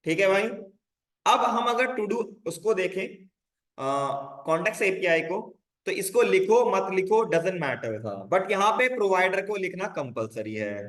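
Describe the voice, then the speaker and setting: A man with a fairly high voice leads a live online coding lesson, mixing English terms into relaxed explanations. He keeps checking in with his students, and the room around him sounds echoey. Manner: casual Hindi-English teaching, frequent check-ins with "bhai". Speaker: coding instructor.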